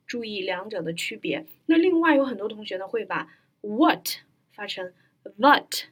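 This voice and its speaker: A young woman teaching an English pronunciation lesson, modeling each word slowly and carefully. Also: medium pitch, sing-song, husky. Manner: slow, careful modeling of words.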